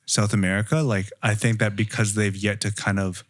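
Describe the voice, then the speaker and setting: A man's voice: lowish voice, little pitch movement, fairly quick, no room sound, clean studio sound. A man co-hosting a podcast, chatting loosely with many "like"s and "sort of"s. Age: adult. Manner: casual, lots of "like" and "sort of". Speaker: podcast co-host. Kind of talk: casual discussion.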